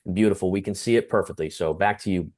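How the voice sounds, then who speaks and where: A man's voice: deep voice, quick pace, darkish tone. A man co-hosting a webinar over a video call, welcoming viewers in an upbeat, encouraging way. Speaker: webinar co-host.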